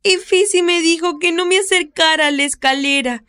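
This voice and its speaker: Woman putting on a high frightened little girl. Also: normal speed, bright, forceful tone. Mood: pleading. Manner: high pleading childlike voice.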